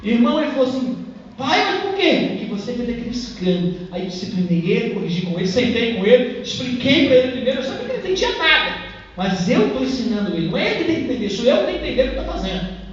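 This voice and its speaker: A man's voice: very high voice, sing-song, very fast, a little hiss or hum. A man with a Brazilian accent preaching a sermon as a pastor, speaking with passion but in a conversational way, often addressing listeners directly. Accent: Brazilian Portuguese. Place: church hall. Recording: echoey church hall, distant dull mic.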